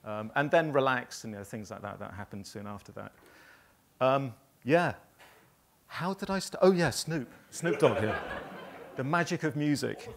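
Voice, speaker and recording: A man in his fifties from northern England, a graphic designer telling rambling stories with many pauses to a live audience. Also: fairly high pitch, slight background noise. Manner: rambling anecdotal storytelling with many ums. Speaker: graphic designer giving a talk.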